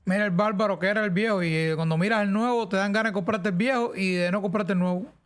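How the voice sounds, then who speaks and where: Chatty Cuban man, high voice. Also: fairly even intonation, quick pace, a bit bright, clean tone. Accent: central Cuban Spanish. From central Cuba. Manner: chatty, rambling, with restarts. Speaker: streamer host. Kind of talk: casual live-stream chat.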